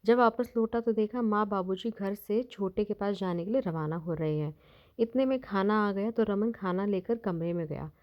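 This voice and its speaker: A woman narrating a scripted moral family story in an even, steady reading voice. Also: medium pitch, normal speed. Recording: dull lo-fi recording.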